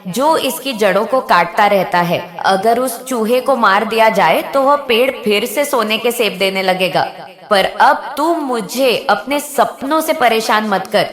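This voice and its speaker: A woman's voice: on the high side, a bit bright. A woman voicing a sleepy, irritable male demon in a cartoon story, grumbling and impatient. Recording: roomy echo.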